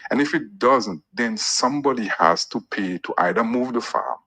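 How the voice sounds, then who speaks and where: A man speaks through a recorded voice note played on air. His voice sits low and a little husky, with a bright, forceful edge. He builds a measured, critical argument one point at a time. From Dominica. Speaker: listener sending a voice note. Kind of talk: call-in radio commentary.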